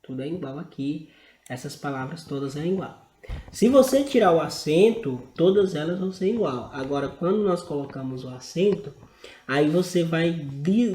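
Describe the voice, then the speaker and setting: A Brazilian man teaching a grammar lesson over slides, explaining slowly and checking in with frequent tag questions. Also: a little high, mellow, roomy sound. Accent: Brazilian Portuguese.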